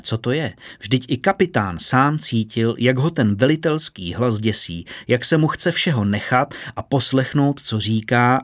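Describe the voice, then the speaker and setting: A man narrating a fantasy story in a steady, measured audiobook reading. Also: medium pitch, no room sound, studio quality.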